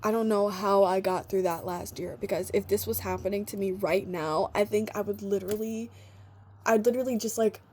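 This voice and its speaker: A woman vlogger speaks to camera in loose, stream-of-consciousness chat, circling back on her own phrases and restarting sentences. Her pitch sits in an ordinary middle range. She swears casually and leans hard on repeated words for emphasis. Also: fairly even intonation, brisk, a little mellow, slight background noise. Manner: emphatic, repetitive, swears freely. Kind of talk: casual rambling monologue to the viewer.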